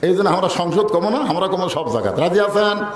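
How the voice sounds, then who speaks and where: A man giving a humorous sermon at a religious gathering, chanting slogans loudly and acting out village characters. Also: sits high, expressive, fairly quick, reverberant. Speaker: preacher.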